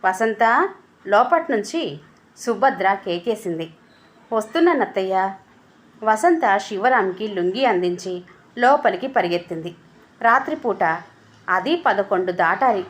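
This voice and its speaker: A woman narrating a family story in a measured, steady reading voice. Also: mid-range voice. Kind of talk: scripted narration.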